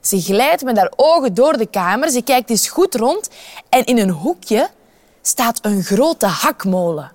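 A woman with a Flemish accent reads a children's story aloud in lively, animated voices, asking her young listeners questions. Her voice is on the high side and a little slow, with no echo.

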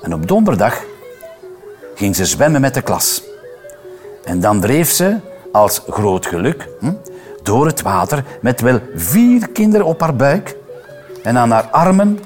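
A man reads a children's story aloud, expressive and playful. His pitch swings in a lively, animated way. Faint music sits underneath the reading. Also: a little slow, pauses often. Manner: expressive, playful, voices each character. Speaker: reader.

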